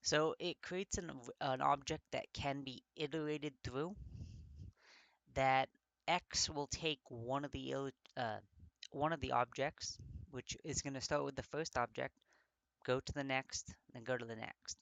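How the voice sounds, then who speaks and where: Man, casual coding tutor, mid-pitched, thinks aloud, stumbles over words, dry close sound. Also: steady tone, vocal fry, fairly bright tone, no echo. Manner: halting, gets tongue-tied and corrects himself; thinks aloud with many fillers. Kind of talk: casual screen-recorded coding walkthrough.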